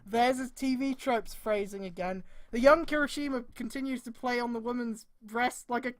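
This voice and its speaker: A female streamer reads fan fiction aloud in a mocking, live manner, breaking into exasperated outbursts, stretching words for emphasis, and swearing. Her voice is a little high.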